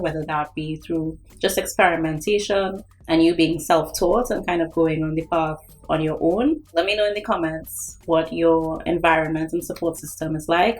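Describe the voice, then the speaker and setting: Earnest woman vlogging, lowish voice. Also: poor audio. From Trinidad and Tobago. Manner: earnest, speaks directly to viewers. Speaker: artist and channel host. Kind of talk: vlog talk to camera.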